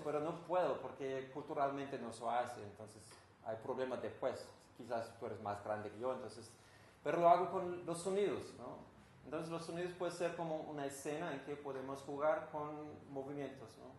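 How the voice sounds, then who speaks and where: A man's voice: medium pitch, moderate pace, darkish tone. A man from Denmark with a Danish accent, a composer giving an informal talk to an audience, who asks them questions and sometimes searches for words. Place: room with an audience. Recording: roomy, with faint room noise.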